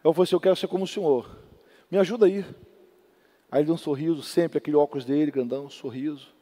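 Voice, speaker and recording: A male pastor preaching a sermon from Brazil, swinging between loud exhortation and soft storytelling. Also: a little high, steady tone, fast. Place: large church hall. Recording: long church hall reverb.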